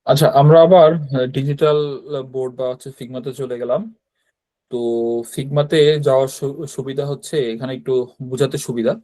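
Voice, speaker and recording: A man's voice: medium pitch, steady tone, a little fast, long pauses, warm tone, no room sound. A man with a Bangladeshi Bengali accent teaching beginners in an online class, explaining patiently and often checking in with "right?". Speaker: Japanese language teacher. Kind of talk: online class with screen sharing.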